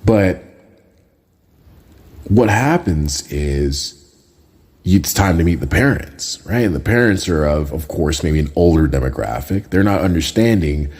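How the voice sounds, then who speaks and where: A man born in Jamaica, hosting a podcast in a casual, conversational way and often tagging his points with a quick question. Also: deep voice, lively intonation, a little mellow. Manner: conversational, often tags lines with "right?". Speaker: podcast host. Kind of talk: casual solo podcast talk.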